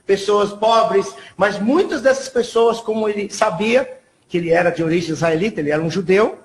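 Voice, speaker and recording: Soft-spoken historian man, fairly high voice. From São Paulo, Brazil. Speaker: guest historian. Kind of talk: TV interview guest. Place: TV studio.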